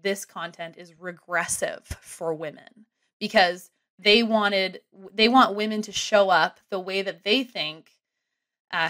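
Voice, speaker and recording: On a podcast, a woman in her thirties, a guest comedian and ski content creator, tells a long story casually, animated, rambling, and self-deprecating. She has a lowish voice and is recorded in a small home room on a close studio mic while wearing headphones.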